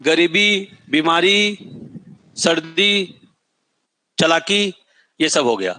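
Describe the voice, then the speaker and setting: A man's voice: fairly high pitch, expressive, drawn-out words, bright, forceful tone. A middle-aged male coaching teacher giving a classroom lecture, dictating notes, repeating key words and often asking students whether they remember. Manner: sings a film line as an example.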